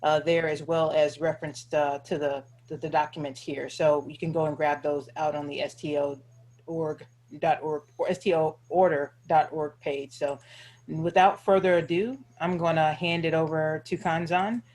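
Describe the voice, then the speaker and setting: A man's voice: fairly high pitch, fairly even intonation, normal speed, a little mellow. A man hosting an online event, giving informal housekeeping announcements. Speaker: host and moderator.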